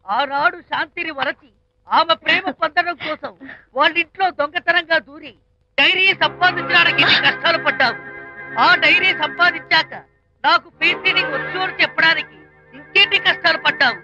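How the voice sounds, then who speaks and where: An actor playing the hero's teasing, preachy, talkative friend in a film comedy. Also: male voice, very high voice, fairly quick, over music, poor audio. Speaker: friend of the hero.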